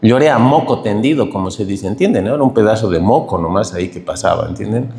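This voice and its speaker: A middle-aged man gives an emotional church testimony, his pitch swinging widely as he tells his story. He preaches into a stage mic, and the church hall adds a long, echoing reverb. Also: fast, gravelly. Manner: emotional, tearful, animated storytelling. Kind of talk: testimony sermon.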